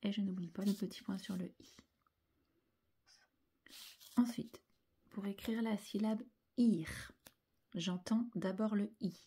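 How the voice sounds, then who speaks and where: Slow, husky woman teacher sounding out syllables. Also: medium pitch, steady tone, dark tone. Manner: slow, careful, sounds out each letter and syllable. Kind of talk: handwriting lesson for young children.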